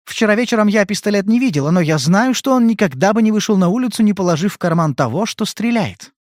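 A man's voice: high voice, animated, fast, dry recording, clean studio sound, voice pushed up. A man voicing a frightened pleading young woman. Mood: earnest. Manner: pleading, trembling, soft. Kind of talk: audiobook character reading.

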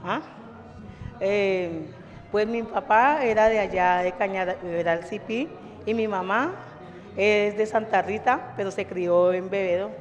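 A woman talks in an unhurried, hesitant way, with many fillers. Her voice has a long hall reverb, and faint music sits in the background. She was recorded in a community cultural house. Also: mid-range voice, lo-fi sound. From Chocó, Colombia, raised in Cali. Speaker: community participant. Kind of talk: casual personal account.

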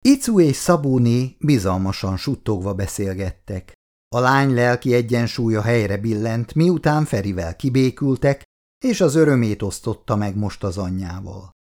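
A man's voice: mid-range voice, animated, darkish tone. A man reading a novel aloud as narrator. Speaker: audiobook reader. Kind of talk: storybook narration.

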